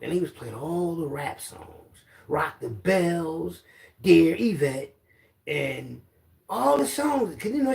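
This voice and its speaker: A man's voice: sits high, gravelly. A middle-aged man with a Philadelphia accent, telling loose, rambling street stories in casual slang. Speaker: storyteller guest. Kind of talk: casual storytelling.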